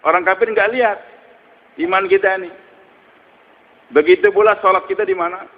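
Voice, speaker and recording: A male preacher delivering a storytelling sermon. He speaks in a high voice and keeps asking rhetorical questions. The sound is muffled and carries a long hall reverb. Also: big pitch swings, a little fast, gravelly. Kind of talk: religious sermon.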